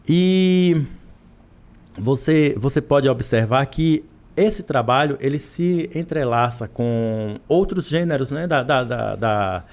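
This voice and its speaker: A man's voice: mid-range voice, expressive, slow, a little mellow. A man from Brazil, a literature professor, talking as a guest in a podcast interview, full of restarts and repeated words.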